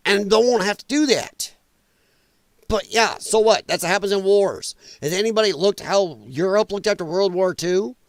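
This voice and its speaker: Blunt sarcastic man, high voice. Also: normal speed, dry recording. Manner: blunt and sarcastic, mocks opponents in put-on voices. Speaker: political commentary livestream host. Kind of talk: casual opinion monologue.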